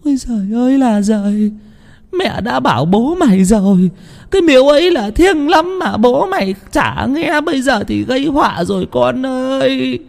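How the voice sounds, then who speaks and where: A panicked village mother in a spoken ghost story, pitched very high and whimpering, put on by a male narrator. She laments with a lively, swooping voice. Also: moderate pace, long reverb tail. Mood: alarmed, lamenting. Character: wailing worried village mother.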